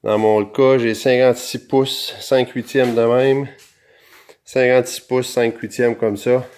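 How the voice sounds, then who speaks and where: A man's voice: medium pitch, little pitch movement, unhurried, darkish tone. A man with a Québécois accent and an electronically altered voice, chatting casually through a do-it-yourself demonstration as the show's host. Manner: chatty, talks directly to viewers. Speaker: DIY show host. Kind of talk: casual how-to explanation.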